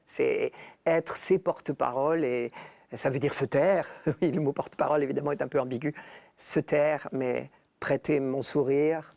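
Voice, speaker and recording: An older speaker with a gravelly, creaky voice talks as a guest in a spiritual radio discussion. The sound is dry and close, and the phrases come short and hopeful. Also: medium pitch, steady tone, normal speed, darkish tone, no echo.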